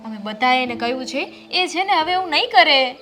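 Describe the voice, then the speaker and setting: An actress with a Gujarati accent playing a young sister-in-law who coaxes and soothes. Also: female voice, high-pitched, expressive, brisk, bright, forceful tone, soft background music. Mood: soothing. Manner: coaxing and soothing. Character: coaxing young sister-in-law, gently teasing. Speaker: husband's sister in a family drama. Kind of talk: Gujarati family drama acting.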